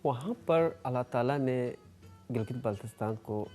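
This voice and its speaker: A man from Gilgit-Baltistan, a guest on a talk show, explaining things slowly with many filled pauses. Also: mid-range voice, a little mellow, faint music behind. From Gilgit-Baltistan, Pakistan. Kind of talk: studio talk show conversation.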